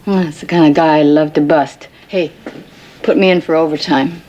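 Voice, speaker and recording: A woman's voice: sits low, steady tone, normal speed, warm tone, dull audio, slight background noise, lightly acted. An actress playing a tough, eager policewoman among her squad in a TV drama. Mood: keen. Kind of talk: naturalistic TV police drama acting.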